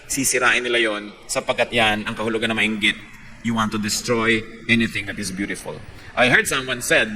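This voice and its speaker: A male preacher delivers a sermon, moving between Tagalog and English. His voice is very bright and sharp, and it builds to lively emphasis when he tells stories. A faint noise sits under the recording. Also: medium pitch, poor audio.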